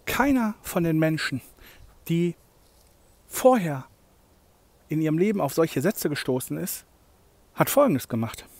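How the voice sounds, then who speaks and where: German guy coaching you through a podcast, husky, dead dry close mic, gets loud then quiet. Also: fairly high pitch, lively intonation, unhurried, pauses often, no echo. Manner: emphatic, swings loud and soft, keeps asking "ja?". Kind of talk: motivational monologue.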